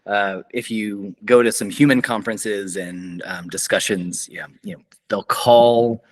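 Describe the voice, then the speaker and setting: A man's voice: lowish voice, fairly even intonation, unhurried. A man moderating an online journal club over a video call, chatty and upbeat, with many fillers and restarts. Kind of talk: casual online meeting chat.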